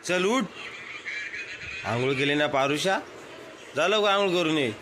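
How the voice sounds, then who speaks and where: A man vlogging at home, teasing and coaxing a child and dropping to low asides for viewers. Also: animated, measured pace. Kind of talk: casual family vlog. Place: family home indoors. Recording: noisy home recording.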